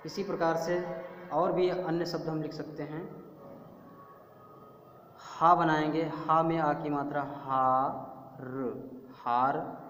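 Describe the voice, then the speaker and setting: A man teaching a young class, slowly spelling out syllables and repeating each word. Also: on the high side, flat delivery, fairly bright tone, a little hiss or hum. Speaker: primary school teacher. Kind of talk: slow classroom lesson. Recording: echoey room with long reverb.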